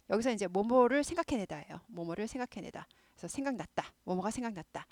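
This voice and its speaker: A woman teaching English to Korean learners, explaining a news story line by line. She repeats key words often and says English phrases slowly and carefully. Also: fairly high pitch, a little mellow, no echo.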